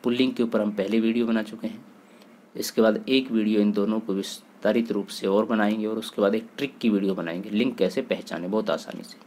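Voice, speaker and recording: A man's voice: on the low side, brisk. A man teaching a Hindi grammar lesson to students, reciting word pairs methodically and stressing key points. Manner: steady, methodical recitation with emphatic explanations.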